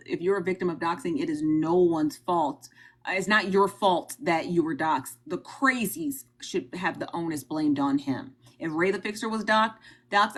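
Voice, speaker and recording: A woman with a low voice and a Midwestern American accent hosts a casual livestream. She speaks emphatically, repeats herself, and addresses her viewers directly.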